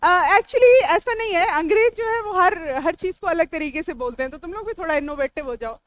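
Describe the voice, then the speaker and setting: A woman with a high voice and an Indian English accent teaches English vocabulary to a class. She works through each word slowly, splitting it into its parts and turning to the students to ask and answer. Her voice sits close on the mic in a dry room with no echo. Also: expressive. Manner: explains word meanings step by step, talks back to students. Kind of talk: classroom lecture.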